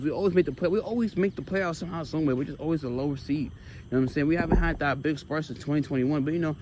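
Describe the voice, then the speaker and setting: Higher-voiced American man, walking and talking. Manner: animated, emphatic, repeats phrases for emphasis. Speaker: sports vlogger. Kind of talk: casual rambling sports chat. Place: outdoors while walking. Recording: clear street noise with passing vehicles.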